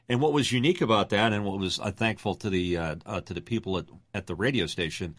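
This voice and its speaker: Middle-aged male radio announcer, low projected voice, casual storyteller. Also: no echo.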